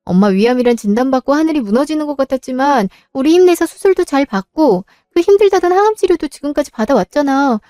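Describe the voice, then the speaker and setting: Woman as heartfelt young daughter, high and emotional, audio drama. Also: no room sound, studio quality, natural voice. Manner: bright, emotional, pleading. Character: young wife caring for her sick mother, tearful and grateful.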